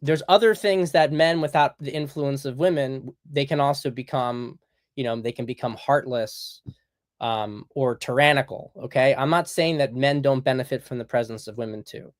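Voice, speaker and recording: A man's voice: medium pitch, moderate pace. A man, hosting a podcast in a blunt, emphatic monologue that often repeats his points. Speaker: podcast host. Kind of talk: opinionated monologue.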